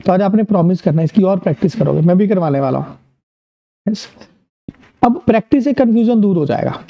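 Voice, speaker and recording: A man's voice: sits high, lively intonation, a little fast, vocal fry. Male maths tutor, Indian accent, encouraging online-lesson delivery, slightly muffled recording. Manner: upbeat, encouraging, asks and answers his own questions. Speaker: maths teacher.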